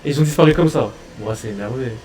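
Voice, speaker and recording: A man hosting a reaction video, chatting casually in excitable, slangy banter and repeating his own phrases. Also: mid-range voice, fast, background noise.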